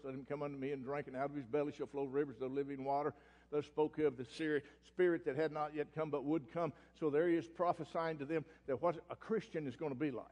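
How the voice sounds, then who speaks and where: High-pitched preacher in a reverberant hall. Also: male voice. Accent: Oklahoma Southern US. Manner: swings from loud ranting to low quiet reading. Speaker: pastor. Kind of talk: fiery preaching sermon. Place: church sanctuary. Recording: long church hall reverb.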